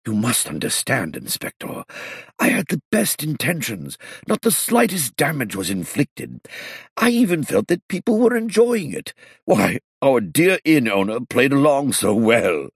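A man voicing an excitable elderly male illusionist who talks in a theatrical, flustered way and drops French phrases. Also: medium pitch, unhurried, breathy edge, no echo, studio quality, voice pushed up, heavily acted. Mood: agitated. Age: older.

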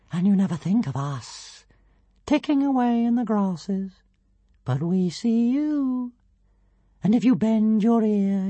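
A man's voice: very high voice, no echo, voice pushed up. A man voicing a tiny, boastful male dragon emperor with grandiose, singsong proclamations.

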